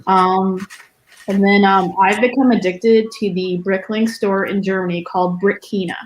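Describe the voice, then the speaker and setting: Woman guest on a video call, rambly and excited, echoey room. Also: medium pitch, moderate pace, a little hiss or hum. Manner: enthusiastic, rambling. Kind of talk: casual chat on a livestream.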